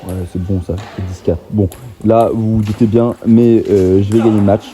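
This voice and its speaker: A young man talking over his own table tennis match, excitable and self-mocking. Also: on the low side, normal speed, faint music behind. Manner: excitable, self-mocking, laughs often, swears casually. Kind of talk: casual match commentary voice-over.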